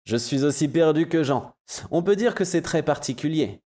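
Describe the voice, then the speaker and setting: Man putting on a courtly gallant host, lifted higher voice, flattering and polite. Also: normal speed. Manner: gallant, complimentary.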